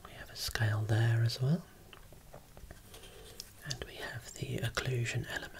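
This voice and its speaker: A voice whispering slowly and softly, showing eye-clinic equipment as an ASMR role-play optometrist. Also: mid-range voice, level tone. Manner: soft unvoiced whispering, explaining slowly.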